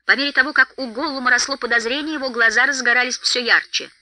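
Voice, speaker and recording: A woman reading a fantasy audiobook aloud, expressive, dramatic storytelling. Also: high-pitched, fast, no echo, rough recording. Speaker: audiobook narrator. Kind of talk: scripted audiobook narration.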